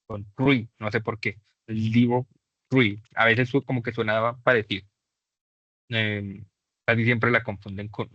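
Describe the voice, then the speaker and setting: A man teaching a beginner English class, explaining patiently and slowing down to model English examples. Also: mid-range voice, sharp tone, no echo. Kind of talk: online class lesson. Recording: dull dry lo-fi mic.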